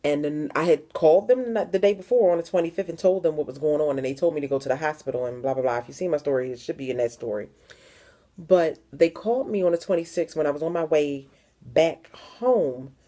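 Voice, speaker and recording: A young woman from the Philadelphia area talks straight to the camera in her personal vlog, speaking fairly quickly. Her low voice is warm and mellow, and she speaks frankly, repeating words for emphasis.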